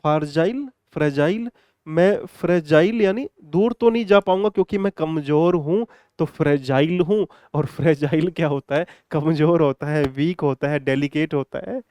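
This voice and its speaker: A man runs an exam-prep vocabulary lesson, chatting and repeating key points to his students. His voice sits high and comes across smooth and clear. The sound is dry and close, with no room around it. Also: moderate pace, a little mellow, dry recording. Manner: chatty, repetitive, addresses students affectionately. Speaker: English teacher.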